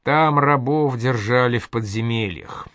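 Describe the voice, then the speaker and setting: A man's voice: medium pitch, a little slow, fairly bright tone, dry recording, clean studio sound. A man voicing a curious bookish scholar.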